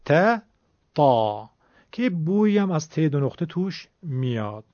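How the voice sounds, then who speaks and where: A man gives a radio pronunciation lesson, voice sitting a little high for a man. He explains patiently and sounds out letters slowly. The recording is dull and dry, like an old broadcast. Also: big pitch swings, mellow, no echo. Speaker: Quran recitation teacher.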